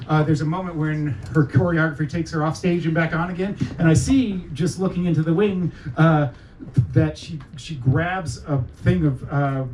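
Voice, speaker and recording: A man tells a story casually, with hesitant and amused delivery. His voice is a bit high and comes from away from the mic, with clear noise around it. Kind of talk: casual anecdote told aloud. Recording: distant mic, clearly noisy room.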